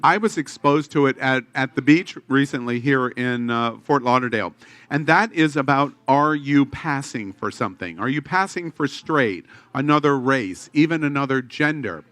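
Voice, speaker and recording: A man's voice: mid-range voice, animated, moderate pace, fairly bright tone, no room sound. A man hosting a podcast panel, talking casually with frequent restarts and a playful, hesitant manner. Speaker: podcast host. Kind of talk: casual group chat.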